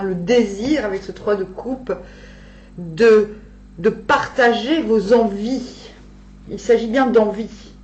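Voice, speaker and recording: A woman speaking with a dental retainer in, giving an informal tarot reading, thinking aloud haltingly and correcting herself. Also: on the high side, a little mellow. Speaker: tarot reader. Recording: echoey room, dull sound, faint hum.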